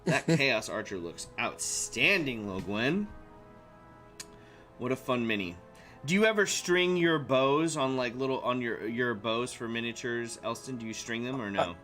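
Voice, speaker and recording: A man's voice: mid-range voice, expressive, unhurried, fairly bright tone, faint music behind. A man hosting a casual live stream, rambling with many fillers and restarts. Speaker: streamer host.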